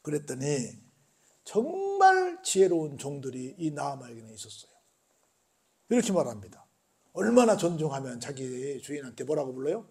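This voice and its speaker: A male pastor with a high-pitched voice preaches a sermon. He retells the story in colloquial language and keeps asking his listeners questions. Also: wildly swooping pitch, moderate pace, a little mellow, husky.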